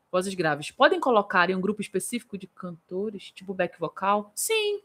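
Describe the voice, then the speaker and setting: Bright-voiced vocal coach woman. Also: medium pitch. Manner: lively, demonstrative, breaks into vocal examples; answers viewers by name. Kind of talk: live-streamed singing lesson with Q&A.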